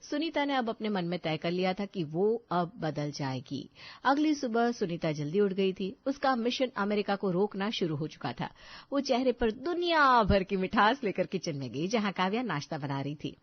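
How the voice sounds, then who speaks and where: A woman narrating a family story in a steady storytelling voice. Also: medium pitch, normal speed, dry recording. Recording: slightly dull lo-fi recording.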